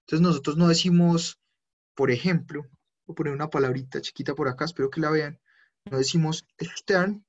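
A man teaching a live online German class, who explains slowly, spells out endings and corrects himself often. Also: fairly high pitch, fairly even intonation, lo-fi sound.

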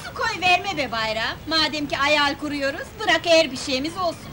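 A sassy, shrill flower seller. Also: female voice, lively intonation, normal speed, slight background noise. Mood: flirty. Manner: sharp-tongued, teasing. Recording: old film soundtrack with music.

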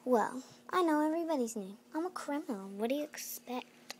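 Cackling gloating lady art thief villain, a woman putting her on, kinda high voice, little hiss in the background. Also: animated, brisk, a little mellow. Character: scheming female art thief villain, boastful. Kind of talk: playful doll-mystery acting.

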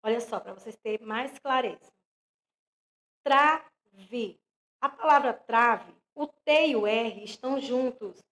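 A young woman teaching an online lesson to young children with a Brazilian accent, speaking slowly and clearly and stressing each example word. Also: a little high, fairly bright tone. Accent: Brazilian Portuguese. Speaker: primary school teacher.

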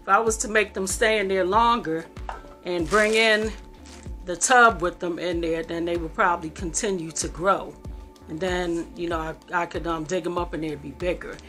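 A woman's voice: on the low side, steady tone, moderate pace, a bit bright. A middle-aged woman talking casually to viewers in a rambling, homey and affectionate way, as a cooking vlogger. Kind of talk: casual home vlog chat. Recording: faint background music.

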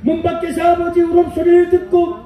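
A man's voice: very high voice, monotone, brisk, phone-quality sound, faint music behind. A man narrating a live stage play in the old byeonsa manner, declaiming in a sing-song way. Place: outdoor festival stage. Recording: echoey outdoor PA sound from far off.

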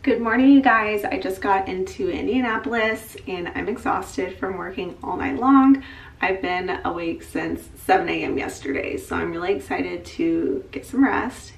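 A woman's voice: lowish voice, moderate pace, vocal fry, slight background noise. A young woman, chatting casually to a handheld camera as a flight attendant vlogger. She talks in an upbeat way while she packs and moves around. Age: young adult. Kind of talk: casual vlog chat to camera. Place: home kitchen, car, airport and hotel room. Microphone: phone or camera held at arm's length.

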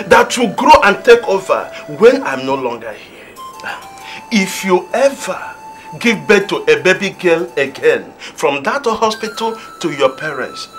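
A man's voice: on the high side, a bit bright. A man playing a stern, imperious king in a film drama, speaking emphatically with a Nigerian accent. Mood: imperious, angry. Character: stern, imperious king demanding a male heir.

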